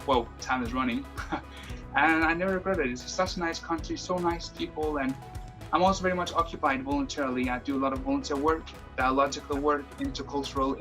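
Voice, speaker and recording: A man in his twenties from Denmark, an interview guest talking casually, quick and full of restarts. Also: a little high, pushed and bright, poor audio. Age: 20s. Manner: quick, lots of restarts and fillers. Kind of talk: casual conversation.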